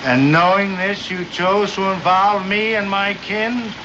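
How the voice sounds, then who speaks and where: High-voiced, scheming frontier father, western drama. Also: steady tone, unhurried. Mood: aggrieved. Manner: wordy, mock-formal, argumentative. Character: scheming, self-interested frontier father and horse thief. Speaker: actor in a television western. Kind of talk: 1960s TV western acting. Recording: muffled, noisy old TV soundtrack.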